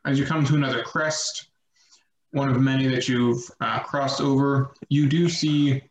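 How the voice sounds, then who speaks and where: A man narrating as game master of a tabletop game, slow and halting with many fillers. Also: mid-range voice, fairly even intonation, roomy sound, slight background noise, poor audio.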